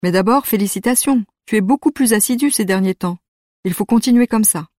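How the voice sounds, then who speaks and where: A calm adult school counselor in a storybook, questioning a pupil in a probing way, as a woman narrator puts her on. The recording is dry and close, with no room sound. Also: mid-range voice, fairly quick, no room sound, lightly acted.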